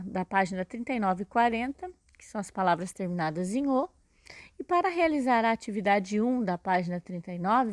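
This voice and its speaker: A woman's voice: fairly high pitch, dry recording. A woman teacher with a Brazilian Portuguese accent giving a recorded lesson, explaining step by step and checking in with "né?" and "tá?". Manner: patient, explains step by step with many "né?" and "tá?".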